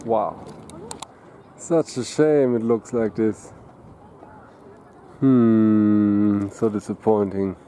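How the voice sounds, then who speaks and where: A man chatting casually as a travel vlogger, rambling and hesitant with many pauses. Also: lowish voice, steady tone, mellow. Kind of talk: casual travel vlog commentary. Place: outdoors in a busy city. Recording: noisy outdoor city recording. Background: street noise and traffic.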